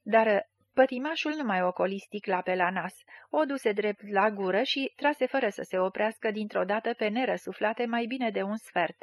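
A woman's voice: medium pitch, hardly any pauses, no echo, clean studio sound. Woman reading a literary story. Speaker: audiobook reader.

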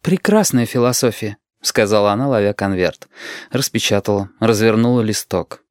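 A man narrating an audiobook with expressive storytelling. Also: on the low side, moderate pace, clean tone, dry recording, clean studio sound. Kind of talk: scripted narration.

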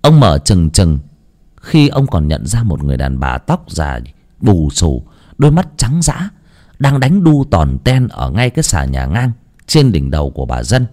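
A man's voice: deep voice, sing-song, moderate pace, darkish tone. A man narrating a horror story dramatically, shifting his pace for effect.

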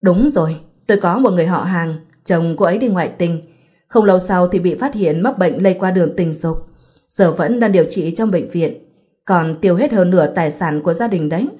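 A woman's voice: lowish voice, brisk, warm tone, lightly acted. A woman voicing gossiping older neighbor women who speak in a chatty, indignant way.

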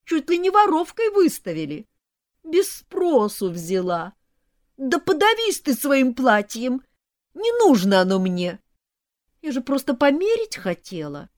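A woman's voice: mid-range voice, darkish tone, dry recording, studio quality, pitched above the performer's own voice, full character voice. A woman voicing a jealous, manipulative snake mother-in-law who whines and pities herself. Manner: whiny, self-pitying.

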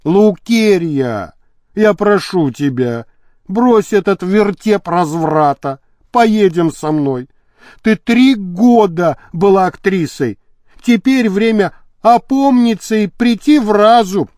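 Male reader playing a hoarse old bore, slow and insistent, pitched fairly high. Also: expressive, darkish tone, dry recording, studio quality. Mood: pleading. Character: old, tedious, stubborn husband, a school director.

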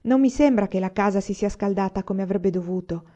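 A woman reading aloud and voicing a firm, practical pioneer mother who speaks in a calm, steady way. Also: medium pitch, a little fast, lightly acted. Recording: slightly dull lo-fi recording.

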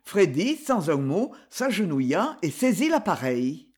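Brief: dramatic reader of a classic novel, animated delivery. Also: medium pitch, unhurried, husky. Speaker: audiobook reader. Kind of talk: scripted narration of a classic novel.

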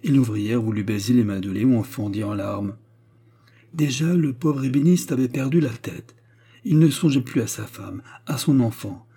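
A male narrator reading a classic novel aloud, dramatic and expressive in his delivery. His voice is dark and mellow in tone. A husky texture runs through every phrase. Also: medium pitch, moderate pace. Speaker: audiobook narrator. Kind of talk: literary audiobook narration.

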